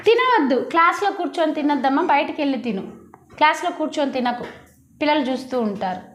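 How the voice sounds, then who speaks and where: High-pitched teacher woman, echoey classroom. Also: lively intonation, fast, fairly bright tone, slight background noise. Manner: coaxing, repeats prompts to children. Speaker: primary school teacher. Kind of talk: classroom lesson. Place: school classroom.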